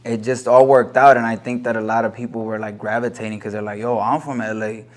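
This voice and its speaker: Guest: thirties man from LA, mid-pitched, earnest, reflective storyteller, drops Spanish phrases. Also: level tone, fast talker. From Los Angeles. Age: 30s. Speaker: guest, corrido singer. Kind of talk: casual interview chat.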